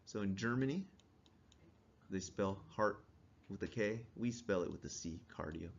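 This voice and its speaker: A man's voice: lowish voice, animated, moderate pace, creaky, slight background noise. A male instructor giving a casual classroom lecture, quizzing students and chuckling now and then. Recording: dull lo-fi recording.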